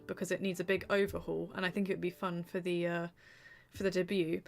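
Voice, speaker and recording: A woman's voice: lowish voice, creaky. A woman streamer chatting casually while she draws, reading out chat messages, with lots of ums and small laughs.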